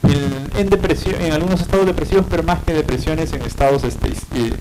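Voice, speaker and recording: A man's voice: fairly high pitch, a little fast, noisy background. A man with a Peruvian Spanish accent giving a university psychiatry lecture, explaining patiently and often checking in with tag questions and fillers.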